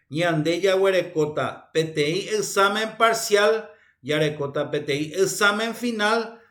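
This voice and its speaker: Slow, methodical Paraguayan male teacher. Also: on the high side. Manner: methodical, repeats key terms, frequent "eh" fillers. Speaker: university language teacher. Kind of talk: recorded lecture.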